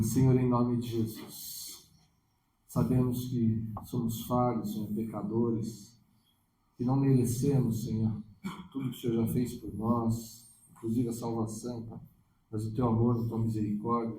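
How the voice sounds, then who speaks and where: Brazilian man praying fervently, warm dark voice. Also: medium pitch, reverberant, slight background noise, rough recording. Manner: fervent prayer with repeated "Senhor". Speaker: preacher. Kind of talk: scripture reading and prayer.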